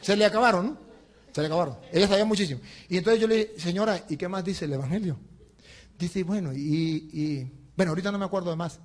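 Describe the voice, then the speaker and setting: A male priest with a high voice talks fast as he preaches a sermon, telling a humorous story. He is animated, laughing, and imitating the people in the anecdote.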